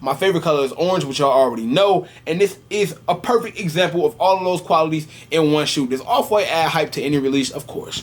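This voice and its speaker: A young man in a casual, slangy sneaker vlog, talking straight to his viewers, slightly slurred from freshly tightened braces. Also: high voice. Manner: slangy, animated, addresses viewers directly. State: sore mouth from tightened braces, some slurring. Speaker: sneaker vlogger. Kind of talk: casual unboxing chat.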